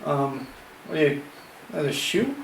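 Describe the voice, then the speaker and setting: Young male co-host, teasing and sarcastic, fairly high voice, echoey room with faint noise. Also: big pitch swings, moderate pace, gravelly. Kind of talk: casual fantasy football chat.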